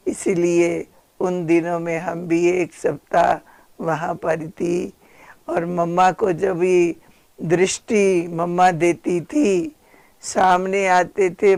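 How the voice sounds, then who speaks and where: An older woman, a spiritual sister, gently and reverently telling memories of her teacher as a slow devotional reminiscence. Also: lowish voice, creaky, no room sound.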